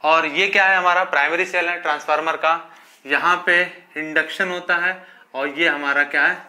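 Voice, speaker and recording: A male physics teacher gives a classroom lecture in a slightly high, steady voice that sounds pushed and bright, moving at a moderate pace. He calls his students children, poses questions only to answer them himself, and keeps dropping fillers like "okay."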